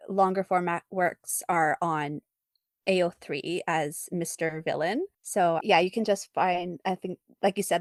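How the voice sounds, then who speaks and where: A woman with a lowish voice talks casually as an interview guest, an artist and fan fiction author who giggles and laughs often mid-sentence. The studio sound is clean, with no echo.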